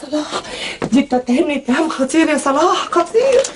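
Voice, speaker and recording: A tearful, wrongly accused woman in an Egyptian TV drama. She speaks high and rushed with an Egyptian accent, and the old soundtrack is noisy. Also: sing-song. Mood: pleading. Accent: Egyptian Arabic. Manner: tearful, protesting innocence. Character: wrongly accused sister-in-law, pleading.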